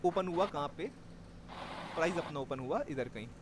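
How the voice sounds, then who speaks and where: A man's voice: on the high side, normal speed, background noise. A man teaching a live class on trading, explaining step by step and checking that his students follow. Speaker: stock market trading teacher.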